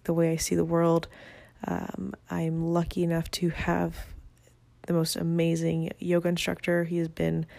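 A young Venezuelan woman hosts her own podcast, chatting casually and cheerfully with a self-deprecating streak in a casual solo monologue. Her voice is lowish and gravelly with a dark tone, and the dry recording was made through a phone app rather than a proper mic.

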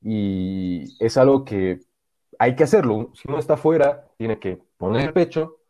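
A man's voice: medium pitch, unhurried, mellow. A man from Bolivia chatting as a podcast co-host, earnest and reflective, often restarting his sentences. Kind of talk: casual chat. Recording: dull lo-fi sound.

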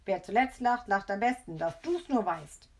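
A woman's voice: mid-range voice, animated, moderate pace, lightly acted. A woman voicing an indignant, scolding grandmother in a children's story. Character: scolding grandmother, flustered but loving.

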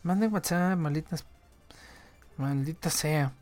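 A woman with a Mexican accent chats casually on a live stream, talking to viewers in a rambling way full of slang and profanity. Her voice is low-pitched, slow and darkish, with soft music playing in the background.

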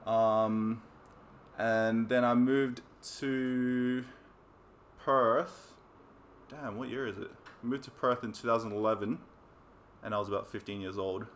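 A New Zealand man in his twenties, a coach, chats easily as an interview guest in a casual conversation. He speaks slowly in a mid-range voice with frequent ums and relaxed laughs, over a little hiss or hum.

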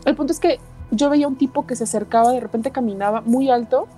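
A woman's voice: high-pitched, fast, dark tone, soft background music, poor audio. A woman, chatting casually on a podcast and telling a dream at length with many fillers. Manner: rambling, many fillers like "o sea". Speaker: podcast co-host.

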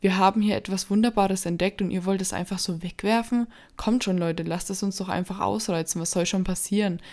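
A woman's voice: mid-range voice, fairly quick, lightly acted. A woman voicing an eager, pushy young man in a horror story reading. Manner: energetic, pushy.

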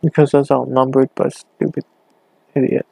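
A young man rambling hesitantly on his own podcast, talking low in his bedroom with a hand cupped over the mic. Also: little pitch movement, normal speed, vocal fry, warm tone, breathy edge, no echo. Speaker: podcast host. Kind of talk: casual solo podcast. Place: bedroom at home.

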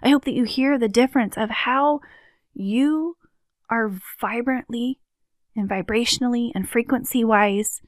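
A woman giving an earnest, slow motivational talk on healing and rest, often softening her voice to a near-whisper. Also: fairly high pitch, no echo, clean studio sound. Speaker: wellness speaker.

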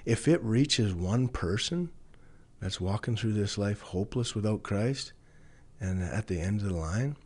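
A man's voice: lowish voice, expressive, unhurried, darkish tone. A man with a hillbilly drawl, telling stories and testimony in a folksy cowboy-preacher way as a podcast guest. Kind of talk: testimony storytelling in conversation.

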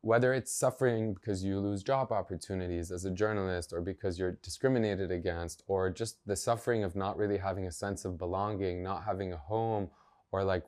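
A journalist and activist appears as a podcast guest, speaking earnestly and emphatically and thinking aloud in an interview conversation. His voice is low with a darkish tone.

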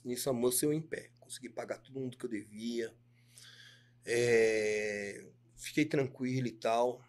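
A man with a Brazilian Portuguese accent, a podcast guest who tells his stories in slangy casual chat and acts out the dialogue. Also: medium pitch. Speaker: guest, clothing brand owner.

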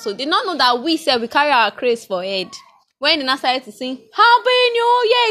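A young woman with a Nigerian accent, chatting casually in a vlog and mixing in pidgin phrases. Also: fairly high pitch. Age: young adult. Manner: chatty, mixes in pidgin, animated storytelling. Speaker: vlogger.

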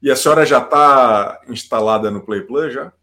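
A man hosting a live show in casual chat, excitable and swearing freely. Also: medium pitch, moderate pace. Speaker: host.

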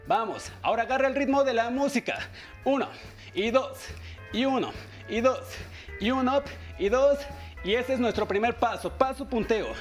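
A man's voice: very high voice, lively intonation, normal speed. A man with a Mexican Spanish accent leading a dance workout class, counting the beats aloud and cheering his viewers on. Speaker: aerobics instructor. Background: workout music.

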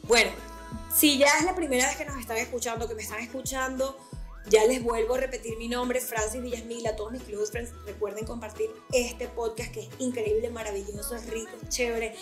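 A woman with a Caribbean Venezuelan Spanish accent and a slightly husky voice, hosting a podcast in a casual, playful, irreverent way. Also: fairly high pitch, fairly even intonation, brisk, over music. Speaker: podcast host.

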